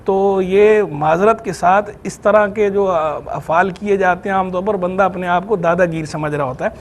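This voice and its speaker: In a TV studio, a man with a Pakistani Urdu accent answers questions as an Islamic scholar. His voice sits high and his pace is moderate as he patiently and methodically explains religious rules and grammar.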